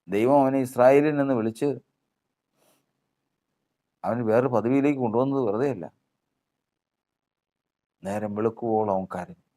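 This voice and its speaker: Low-voiced man preaching a sermon. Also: warm tone. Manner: repetitive rhetorical preaching with questions.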